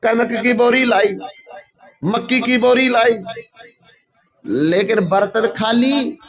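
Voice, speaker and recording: A male religious storyteller gives a devotional discourse with a very high voice. He draws each phrase out slowly and addresses the listeners as brothers. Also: fairly bright tone. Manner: slow, drawn-out storytelling addressing the audience as brothers.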